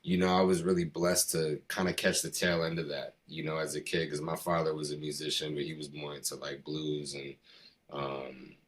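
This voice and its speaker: A middle-aged American hip hop artist from the East Coast chats in an interview, loose, slangy, and rambling, peppered with "you know" and "man." His voice rumbles low, with flat delivery at normal speed.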